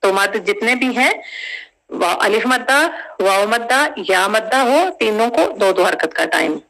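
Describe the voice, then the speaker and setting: A woman teaches tajweed at a very unhurried pace, stretching each syllable out. Her voice carries a gravelly, fry-tinged texture. She explains step by step and keeps asking her listeners to confirm. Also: medium pitch, expressive, a bit bright, poor audio. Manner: drawn-out syllables, patient step-by-step explanation with frequent check questions. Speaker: Quran recitation teacher. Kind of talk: tajweed lesson, slow spelled-out recitation.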